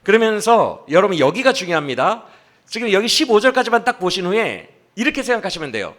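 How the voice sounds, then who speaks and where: Preaching with animation at a church service, this male pastor puts questions to the congregation and plays out the speaker's complaints. He talks briskly in a high voice.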